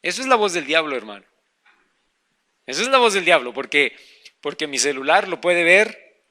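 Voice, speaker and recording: A middle-aged man preaching a sermon, acting out the devil's whispers and family conversations in an animated way. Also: fairly high pitch, moderate pace. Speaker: pastor.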